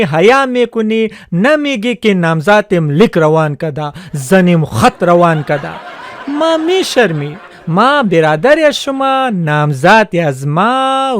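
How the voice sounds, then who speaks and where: A man's voice: sits high, fairly bright tone. A man playing a touchy Pashtun man with a Pashto accent. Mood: pleading. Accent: Pashto-accented Dari. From Afghanistan. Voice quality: broken grammar. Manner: pleading, insistent, easily offended. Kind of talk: comedy sketch. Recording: noisy home recording.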